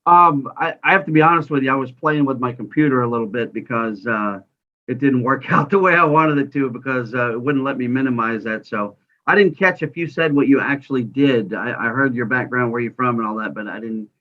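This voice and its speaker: A man's voice: mid-range voice, a little fast. A man hosting an online interview show, talking informally with many fillers. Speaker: podcast host. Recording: slightly dull lo-fi audio.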